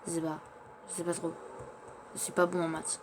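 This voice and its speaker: In a completely flat delivery at a moderate pace, a man with a fairly high voice gives in-character commentary on his survival game, describing his actions and often stumbling verbally. Background noise can be heard.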